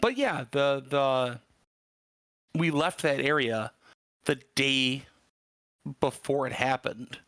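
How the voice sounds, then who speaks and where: A man from Michigan talks as a podcast guest, telling a long story with plenty of fillers and offhand swearing. His voice is bright and forward, at an ordinary pitch for a man. The sound is dry and close, with no room echo. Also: takes it slowly, long pauses. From Michigan, USA. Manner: rambling, many fillers, casual swearing. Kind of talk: casual storytelling chat.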